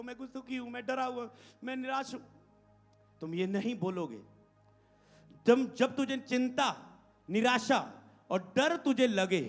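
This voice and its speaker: High-voiced pastor preaching fiercely. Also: male voice. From India. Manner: preaching with loud, rebuking outbursts and soft mimicking asides. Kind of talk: sermon.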